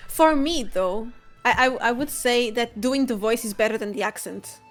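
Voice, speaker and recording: A woman's voice: on the high side, normal speed. A young woman chatting casually on a livestream as a player, playful and teasing with frequent giggles. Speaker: player, co-host guest. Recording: faint music behind.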